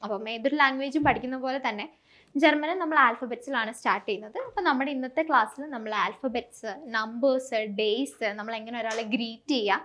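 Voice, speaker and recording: A woman's voice: fairly high pitch, a bit bright. A woman German tutor, explaining a beginner lesson step by step and repeating each point.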